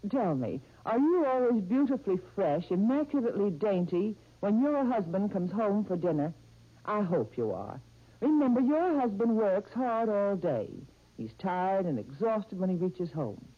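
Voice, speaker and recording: Woman's coaxing soap ad on old radio. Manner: coaxing, intimate sales pitch. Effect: old radio broadcast sound. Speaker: commercial announcer. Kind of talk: 1930s radio soap commercial. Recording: dull old radio recording.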